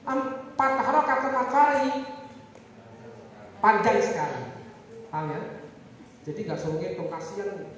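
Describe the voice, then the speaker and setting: A woman's voice: on the high side, lively intonation, moderate pace, pauses often. A woman teaching teachers a recitation method, drilling them in call-and-response with sing-song prompts. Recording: echoey hall, far from the mic, crowd behind.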